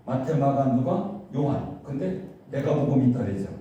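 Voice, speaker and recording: A male pastor preaching a sermon in a church, animated, with his voice rising to fervent cries when he acts out prayers. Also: medium pitch, moderate pace, highs cut off. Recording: echoey church hall from far off, faint hiss.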